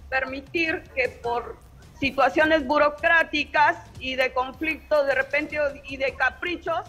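A woman's voice: high-pitched, steady tone, measured pace, sharp tone, faint music behind. A middle-aged woman, a school principal, answering a reporter outdoors, earnest and pleading with some hesitation. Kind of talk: interview answers. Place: outdoors on a street. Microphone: reporter's handheld microphone.

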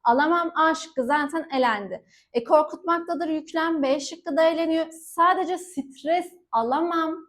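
A woman teacher working through exam questions, asking herself short questions, answering them in quick call-and-response and pausing to warn students directly. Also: high voice, fairly bright tone. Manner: warns students directly, stressing key words. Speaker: Turkish teacher. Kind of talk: exam-prep lesson, solving questions.

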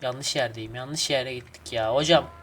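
A man casually commenting on his game as he plays, excitable and swearing at the traffic. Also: medium pitch, moderate pace. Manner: excitable, swears and grumbles at traffic, hums snatches of folk song. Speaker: gaming channel host. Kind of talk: casual let's play commentary.

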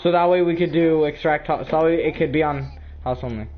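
A man chatting and shouting with friends during an online game, laughing often and getting exasperated. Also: a little high, fast talker, slight background noise. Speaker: gaming channel host. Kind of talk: casual gaming chat with friends. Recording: dull lo-fi voice chat.

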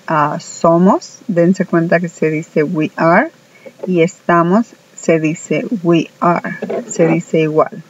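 A woman whose first language is Spanish, teaching an online English lesson slowly and deliberately, often pausing on "ah". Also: lowish voice, a little mellow, dull audio, slight background noise. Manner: slow, deliberate, many hesitant "ah" fillers.

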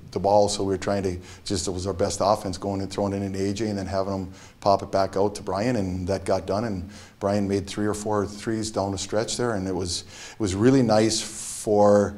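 A middle-aged man, a basketball head coach, giving a postgame interview in a halting, measured way with frequent restarts. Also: on the low side, a little mellow. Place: press backdrop room.

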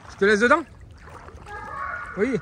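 A man's voice: very high-pitched, unhurried, sharp tone, a little hiss or hum. A French father outdoors on a beach, filming with a handheld camera and calling out to his daughter in repeated, laughing encouragement. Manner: repetitive coaxing calls to a child, often laughing. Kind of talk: family vlog narration. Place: sandy beach by the sea, outdoors.

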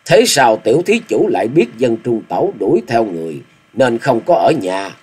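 A man voicing a stern male Taoist priest who questions loudly. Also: medium pitch, big pitch swings, moderate pace, breathy edge. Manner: loud, interrogating.

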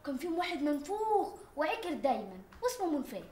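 A woman's voice: sits high, very animated, very fast, warm tone, roomy sound, slight background noise. An actress playing a naive, chatty young woman, speaking with an Egyptian accent and asking questions one after another. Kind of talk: TV drama acting.

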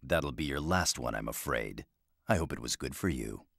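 A man playing a deep, gravelly gloating villain. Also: expressive, normal speed, fairly bright tone, dry recording, studio quality, exaggerated voice. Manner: smug, leering delivery. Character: gloating male villain devouring his foe. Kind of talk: ad-libbed dub outtake.

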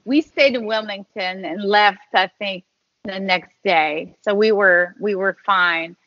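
Bright-voiced woman pilot, lo-fi sound. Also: mid-range voice, unhurried, no echo. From Canada. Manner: relaxed, rambling, with fillers and restarts. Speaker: pilot guest. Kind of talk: casual podcast chat. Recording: dull lo-fi audio.

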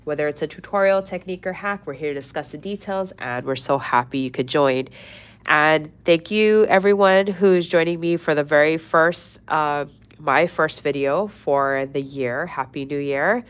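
A young woman with a low voice hosts a casual nail art livestream, sounding stuffy and congested from a cold. She chats in a friendly, rambling way, full of fillers and restarts. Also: normal speed. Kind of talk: casual livestream tutorial chat.

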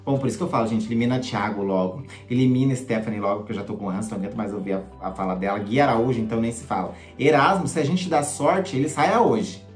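A man's voice: medium pitch, fast talker, few pauses. A man hosting a casual gossip commentary, chatty and sarcastic, often asking for agreement. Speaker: gossip channel host. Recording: echoey room with faint music.

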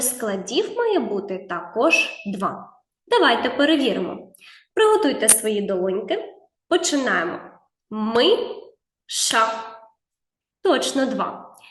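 Woman preschool teacher for a reading lesson, slow and lilting, higher voice, recorded in an echoey room. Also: fairly bright tone. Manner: drawn-out sounds, patient step-by-step instructions; encouraging, talks straight to the child. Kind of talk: video lesson for young children.

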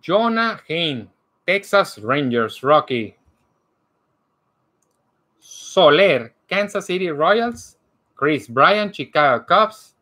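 A man hosting a card break, announcing each card by player and team in a slow, animated way. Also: a little high. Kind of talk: calling out cards during a live card break. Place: indoor room lined with card displays.

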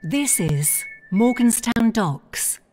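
A woman giving recorded onboard train announcements in a calm, measured, formal manner. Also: fairly high pitch, soft background music.

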